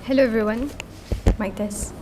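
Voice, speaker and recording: A young woman from Singapore delivering a measured, formal debate speech. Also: fairly high pitch, steady tone, background noise. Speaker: debater, prime minister speaker. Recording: roomy hall reverb.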